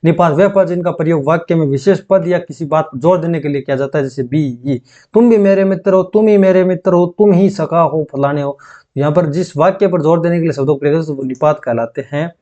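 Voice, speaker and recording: A man teaching an exam-prep grammar lesson, dictating slowly and repeating phrases so students can take notes, often checking in with them. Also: fairly high pitch, a little mellow, lo-fi sound.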